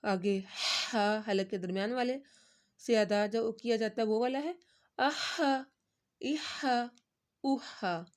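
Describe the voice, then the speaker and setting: A woman teaching beginner tajweed, explaining quickly and then drilling syllables slowly and loudly. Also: medium pitch, fairly even intonation, smooth. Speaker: Quran recitation teacher.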